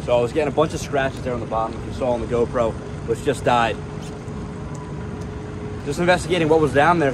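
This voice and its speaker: Out on a small boat beneath a bridge, a young American man with a mid-range voice gives slangy, excitable commentary on his fishing for his vlog. The sound comes from a head-mounted action camera and carries plenty of outdoor noise.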